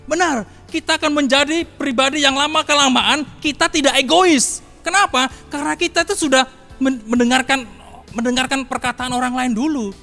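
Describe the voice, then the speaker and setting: Male preacher, high bright voice, emphatic repetition, reverberant hall with soft music under. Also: fairly even intonation, fairly quick, creaky. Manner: emphatic, repeats phrases, addresses listeners as saudara. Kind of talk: morning devotional sermon.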